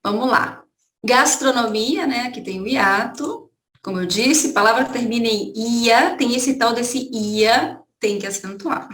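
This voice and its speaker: A woman's voice: fairly high pitch, a little slow, a bit bright, roomy sound. A Brazilian woman teaching an online Spanish lesson, explaining points and checking in with her students. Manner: explanatory, repeats points with "tá?" and "gente".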